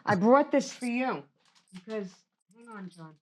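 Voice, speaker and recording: A woman's voice: on the high side, expressive, unhurried, no echo. Chatty New York woman co-hosting. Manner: chatty, bubbly, talks over the guest. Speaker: podcast co-host. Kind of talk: casual interview chat.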